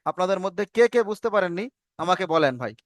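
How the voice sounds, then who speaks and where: A man teaches a reading class over an online call, pausing to ask questions and then repeating the answers himself. His voice sits high, and it is recorded dry with no room sound. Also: lively intonation, no room sound.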